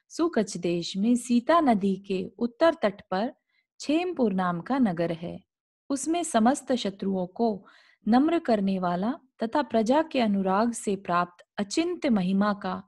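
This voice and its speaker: Speaking in a mid-range voice with a darkish tone, a woman conducts a scripture lesson on a video call. She reads an ancient religious passage aloud, explains it simply, and addresses rhetorical questions to the group.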